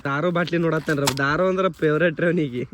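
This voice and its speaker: A man's voice: a little high, steady tone, very fast, noisy background. A young man, narrating a comic sketch with teasing, mock-exasperated remarks.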